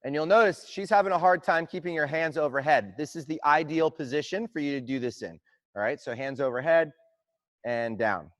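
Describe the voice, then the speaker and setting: A young man coaching an online workout class, explaining squat technique and counting slow tempo reps aloud in an encouraging way. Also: on the high side, no room sound. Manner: encouraging, counts reps loudly in a steady cadence. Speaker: fitness coach. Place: gym.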